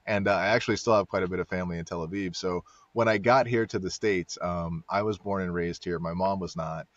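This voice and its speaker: A man's voice: deep voice, steady tone, a little fast, no room sound. A man appearing as a podcast guest, telling stories in a laid-back way with frequent fillers. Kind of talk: casual conversation. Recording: dull lo-fi dry sound.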